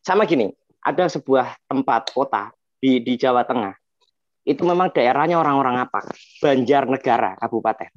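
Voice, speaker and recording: A man explaining scripture dialects in a panel talk, slowly chanting verses between points. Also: medium pitch, animated, slight background noise. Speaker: religious teacher explaining dialects. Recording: dull, dry lo-fi sound.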